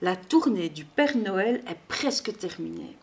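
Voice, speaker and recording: A woman reading a children's Christmas storybook aloud in an expressive, measured way. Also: on the low side, vocal fry.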